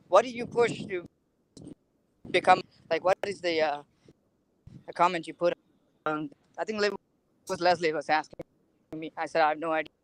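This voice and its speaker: A man speaking over an online call whose audio breaks up and drops out every few words. His voice sits a little high for a man, with a faint hiss of noise under it, and he talks in halting, broken-off fragments. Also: poor audio. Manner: halting, relaying a question in fragments. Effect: online call audio breaking up and cutting out. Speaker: stream guest on a call. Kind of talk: casual chat.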